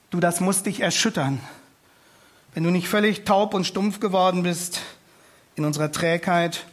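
A man preaching a sermon in an impassioned, pleading way, repeating phrases and slowing down to stress words. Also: on the high side.

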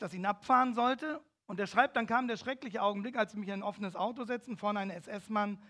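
A man's voice: high voice, fairly bright tone. A man preaching a sermon, reading a story aloud and driving key phrases home with emphatic, swelling declamation. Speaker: pastor.

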